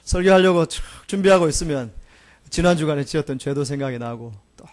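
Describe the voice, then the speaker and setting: A man's voice: on the high side, a little fast. A male pastor preaching a Sunday sermon, asking rhetorical questions in an earnest manner.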